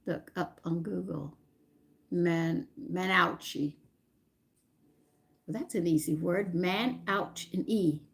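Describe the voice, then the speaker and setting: A home cooking channel host speaks slowly in a lowish, creaky voice, leaving long pauses while she chats with her live stream viewers and thinks aloud, searching her memory.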